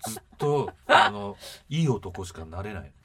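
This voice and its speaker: A man in his fifties chatting casually, animated, with laughs and sudden jumps in pitch when excited. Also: normal speed, breathy edge. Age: 50s. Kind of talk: casual chat.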